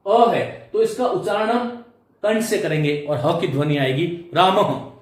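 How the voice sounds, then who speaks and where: A man teaching Sanskrit grammar in a classroom lecture, explaining slowly, repeating terms and quizzing his students. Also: fairly high pitch, expressive, darkish tone, far from the mic. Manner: chants declension tables in a sing-song. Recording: very echoey room, off-mic.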